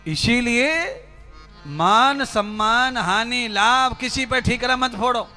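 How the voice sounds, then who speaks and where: A fervent male preacher with a strikingly high, bright, ringing voice delivers a spiritual discourse. He talks straight to his listeners with rhetorical questions. Faint music plays behind him. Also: takes it slowly. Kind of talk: Hindi religious discourse.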